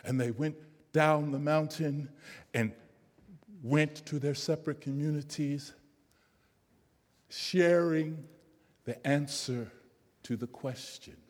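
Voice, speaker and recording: A man telling a folk tale to listeners, slow, gentle and often dropping to quiet. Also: fairly high pitch. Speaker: storyteller. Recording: long hall reverb.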